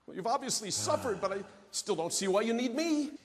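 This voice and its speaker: Man playing a brash, animated, cynical businessman. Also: extremely high pitch, a little fast, over music. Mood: defensive, smug. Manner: sarcastic, flippant, exasperated. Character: brash, cynical, self-centred wisecracking businessman. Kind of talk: comic stage drama acting. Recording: echoey hall with background noise.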